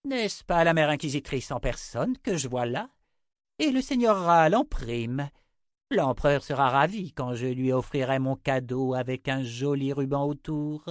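A man's voice: mid-range voice, animated, unhurried, dry recording, clean studio sound, voice pushed up, natural voice. A man voicing a cruel, mocking female sorceress in an audiobook reading. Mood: taunting. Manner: mocking, taunting. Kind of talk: audiobook character voice.

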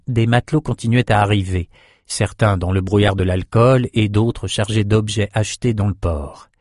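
Man with a dry steady narration. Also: on the low side, dry recording. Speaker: audiobook narrator. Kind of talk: scripted narration.

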